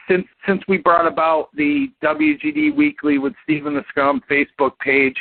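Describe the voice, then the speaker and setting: Rambling co-host on a phone line. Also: male voice, a little high, vocal fry. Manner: rambling, filler-heavy, folksy. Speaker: podcast co-host. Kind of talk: casual podcast chat. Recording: tinny phone-line audio.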